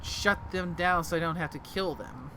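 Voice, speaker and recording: A man doing casual gaming commentary as a streamer, haltingly thinking aloud. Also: on the high side. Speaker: game streamer. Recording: loud background game noise.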